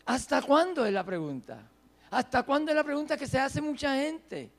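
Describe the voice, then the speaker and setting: A man preaching a sermon, swinging between soft, low phrases and loud, drawn-out emphasis. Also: expressive, gravelly.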